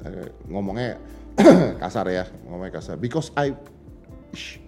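A man's voice: sits low, big pitch swings, unhurried, warm tone, faint music behind. A man, a father, telling an emotional story in casual chat and acting out the dialogue with quotes in English. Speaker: podcast guest, father of a teenager. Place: podcast studio.

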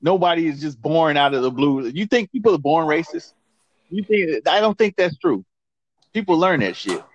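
A man's voice: a little high, big pitch swings, moderate pace, no echo. A man in a heated casual discussion, talking in an angry, emphatic and profane way, repeating himself. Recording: dull muffled lo-fi sound.

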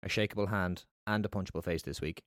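A man's voice: low voice, fast, a bit bright, no room sound, clean studio sound. A man, co-hosting a casual political chat, ranting and swearing with sarcasm. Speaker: podcast co-host.

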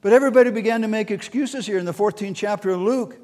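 High-voiced man preaching in a reverberant hall. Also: fast talker. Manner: dynamic preaching, swinging from soft to loud, with repetition. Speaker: pastor. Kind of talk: sermon.

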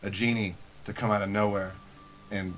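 Rambling young man, low voice. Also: level tone, moderate pace, fairly bright tone. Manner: rambling, many restarts and fillers. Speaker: podcast game master. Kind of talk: casual chat.

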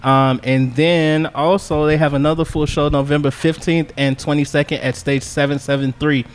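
A man with a slightly high voice co-hosts a podcast. His delivery is casual and loose, broken by filled pauses. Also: level tone, clear, resonant tone. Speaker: podcast co-host. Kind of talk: casual chat.

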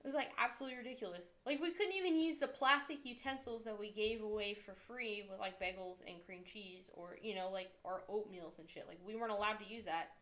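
A woman's voice: mid-range voice, a little fast, few pauses, a bit bright. A woman chatting casually with a friend, blunt and swearing, often laughing. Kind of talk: casual chat.

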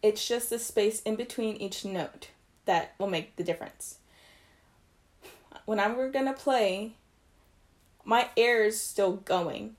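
A woman's voice: mid-range voice, takes it slowly, pauses often. A young woman and trumpet player teaching articulation basics in a casual video, chatty and correcting herself as she goes. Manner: chatty, self-correcting, loose explanations.

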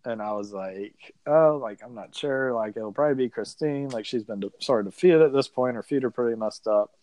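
Guesting on a podcast, this young reality game contestant chats through a story, saying "like" constantly and performing the quotes. His mid-range voice is dark and a little fast, with no room sound in the recording.

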